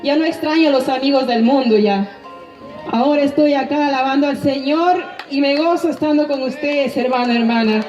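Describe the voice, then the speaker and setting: A woman's voice: sits high, moderate pace, darkish tone. A woman giving an earnest, emotional testimony in church, often calling out to her brothers and sisters. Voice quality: repeatedly addressing listeners as brother, sister. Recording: roomy, distant, dull church recording with music.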